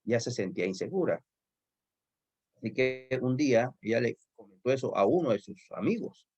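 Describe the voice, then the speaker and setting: A male pastor leads a Bible study with an earnest, storytelling delivery, often calling his listeners brothers. His voice sits at an ordinary middle pitch. The recording sounds dull and slightly lo-fi. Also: animated, normal speed, a little mellow, breathy edge.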